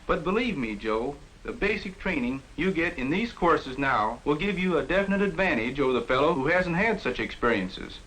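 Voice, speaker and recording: An actor playing an earnest shop teacher in a formal, measured 1950s educational film narrator manner. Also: male voice, on the high side, animated, a bit bright, a little hiss or hum, poor audio. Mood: reassuring, firm. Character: earnest adult male shop teacher advising a student.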